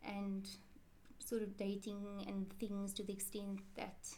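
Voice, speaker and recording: Speaking slowly in a dark, monotone mid-range voice, a South African Quran teacher answers an interviewer's questions. Her replies are chatty and rambling, full of self-corrections, and a little hiss or hum can be heard.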